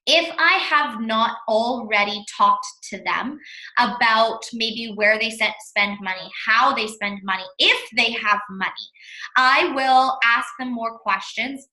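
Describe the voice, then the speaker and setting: Bright, emphatic woman coaching in an echoey room. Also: a little high, unhurried. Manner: emphatic, repeats words for stress, blunt. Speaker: fitness coach training a sales team. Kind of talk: casual coaching talk.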